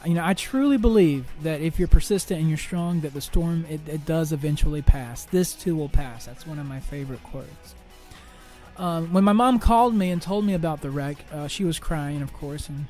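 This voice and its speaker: A young man hosts his podcast alone, telling personal troubles in a halting, restart-filled monologue and swearing freely. His voice sits a little high for a man. Faint music plays underneath. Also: mellow. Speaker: podcast host.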